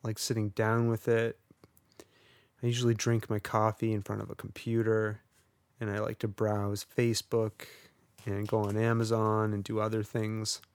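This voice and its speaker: This man's voice sits on the low side, with a completely flat delivery at normal speed and no room sound. Co-hosting a podcast, he chats casually in a wry, rambling, self-deprecating way.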